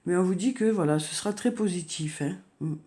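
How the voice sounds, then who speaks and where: A tarot reader with a cold, coughing now and then, gives a monthly horoscope card reading. She speaks softly and hesitantly yet briskly in a lowish voice, filling gaps with "hein" and "euh" and repeating words.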